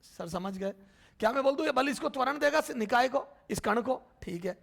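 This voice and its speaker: This man's high voice is creaky, gravelly, and a bit bright as he teaches physics at the board. Affectionately addressing students as "beta," he voices their questions and then answers them. While writing, he repeats terms slowly, stretching them out.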